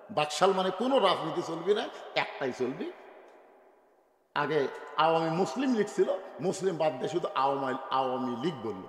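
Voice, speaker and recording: A man with a northern Bangladeshi accent preaching a rousing sermon, calling on the crowd to answer him. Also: on the high side. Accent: Bogura Bengali. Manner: rousing, calls on the crowd to respond. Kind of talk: waz sermon. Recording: echoey hall with long reverb.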